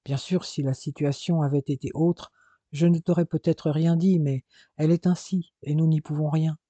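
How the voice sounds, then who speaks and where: A man's voice: on the high side, steady tone, moderate pace, mellow, dry recording, natural voice. A man voicing a young man crippled after an accident, grave and bitter, in an audiobook.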